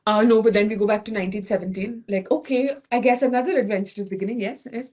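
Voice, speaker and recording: Woman with an Indian accent, podcast co-host, mid pitch, lively and rambling; muffled lo-fi sound. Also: quick pace. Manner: animated, rambling with likes and restarts. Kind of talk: casual book chat.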